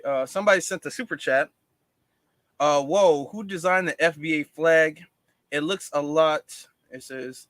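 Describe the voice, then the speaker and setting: A man's voice: fairly high pitch, a bit bright, dry recording. A man hosting a casual livestream, explaining at length to viewers with many fillers and restarts. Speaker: livestream host.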